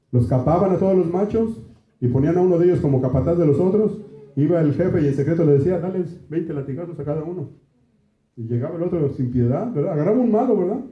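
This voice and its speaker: Man, Mexican Spanish accent, pastor, conversational sermon, dull lo-fi sound. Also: fairly high pitch. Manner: conversational preaching, keeps asking "¿verdad?" and "hermanos". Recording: echoey room, dull lo-fi sound.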